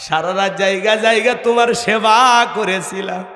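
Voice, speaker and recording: A heartbroken old mother cries out in a high, bright, quavering wail, as a preacher acts her out. Her sobbing pleas ring through a big echoey hall with a long reverb tail. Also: normal speed, soft background music. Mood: sorrowful. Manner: tearful, high wailing sing-song. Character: grieving, sickly old mother pleading with her son.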